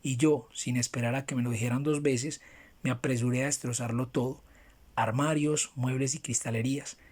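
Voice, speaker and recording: A man narrating a classic tale as an audiobook in a steady, measured storytelling manner. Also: mid-range voice, slightly rough.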